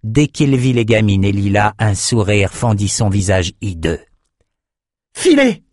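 Low-pitched male narrator, steady measured reading, dry close-miked studio sound. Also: no echo. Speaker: audiobook narrator. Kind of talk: scripted narration.

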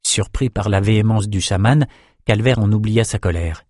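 A man narrating a dark fantasy audiobook in a measured storytelling voice. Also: on the low side, no echo, clean studio sound.

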